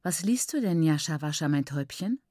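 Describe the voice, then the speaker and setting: A prim, chattering mother, voiced by a woman reading a novel aloud. She lectures on manners in a brisk, falsely cheerful tone, pitched a little above the reader's own low voice. The recording is close and dry. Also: animated, warm tone, no room sound. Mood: coaxing.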